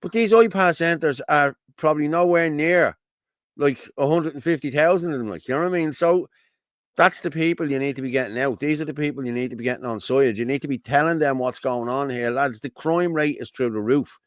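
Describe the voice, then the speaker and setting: An Irish co-host of a casual livestream chats and reads out viewer comments, rambling and repeating "you know what I mean." His voice is on the high side and a little fast, with a dry, clean studio sound.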